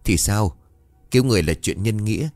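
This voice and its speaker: A man's voice: fairly low pitch, a little fast, dry recording, faint music behind, natural voice. A man voicing an old village woman who scolds and fusses bluntly. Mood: scolding. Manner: scolding, sharp-tongued.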